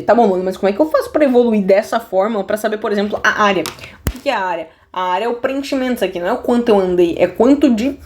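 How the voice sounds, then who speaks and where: A woman's voice: on the high side, darkish tone. A woman with a Brazilian Portuguese accent teaching a casual math lesson at her desk, joking, full of slang and talking straight to viewers. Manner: restless, many restarts and asides. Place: at a desk indoors.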